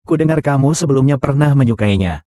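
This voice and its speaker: All the parts of a dubbed short drama come from one man whose flat, even voice barely changes between roles. Medium-pitched, brisk and close to an everyday voice, he sounds mellow and warm in a close, dry studio take with no room sound.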